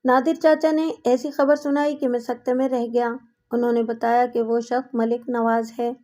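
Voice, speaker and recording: A woman's voice: fairly high pitch, little pitch movement, dark tone. A woman narrating a crime story audiobook in a dramatic storytelling style.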